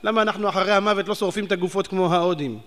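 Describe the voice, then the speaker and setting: A man preaching a sermon, animated and firing rhetorical questions at his audience. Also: high voice. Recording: long hall reverb.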